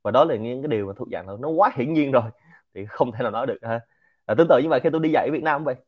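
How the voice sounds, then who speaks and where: A man from central Vietnam with a Quảng Nam accent, giving an informal business lecture in an animated, rhetorical way and often asking the audience to agree. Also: medium pitch, very fast, highs cut off. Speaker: lecturer and host of a Q&A show.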